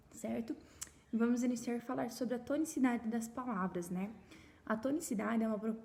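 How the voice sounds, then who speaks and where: A young adult woman teaching a casual review lesson, chatty, often ending sentences with tag questions and restarting words. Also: on the high side.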